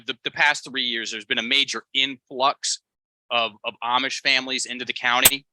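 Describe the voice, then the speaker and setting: A man talking as a podcast guest in casual conversation, telling stories in an animated, rambling way with self-mocking asides. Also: mid-range voice, no room sound.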